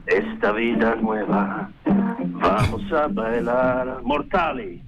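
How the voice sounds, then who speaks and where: A man's voice: fairly low pitch, slow, highs cut off, over music. A man calling in, pompous and grandiose, crooning dramatically with a cathedral-like reverb around his voice. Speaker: caller. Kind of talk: dramatic crooning of a pop song.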